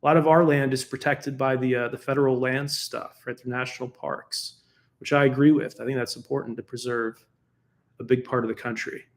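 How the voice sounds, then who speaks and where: A political commentator from the United States delivers a defensive, argumentative solo commentary, talking casually with fillers and restarts and laughing between points. His medium-pitched voice holds a steady tone and moves a little fast.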